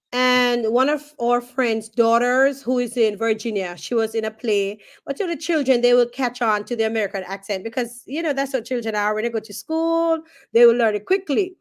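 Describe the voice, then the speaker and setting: A woman with a Jamaican accent, a third grade teacher chatting as a guest in a relaxed way, often tagging her sentences with "right?". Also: on the high side. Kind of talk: casual interview.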